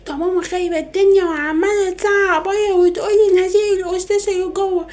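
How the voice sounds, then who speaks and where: A woman's voice: extremely high pitch, fairly even intonation, quick pace, darkish tone. A woman with an Egyptian Arabic accent voicing a teasing teenage daughter in a comedy sketch, urgently calling her brother.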